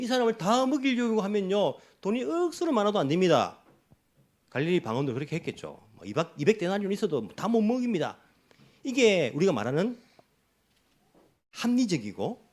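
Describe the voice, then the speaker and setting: A man preaching a sermon as pastor, emphatic and full of rhetorical questions to his congregation. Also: fairly high pitch.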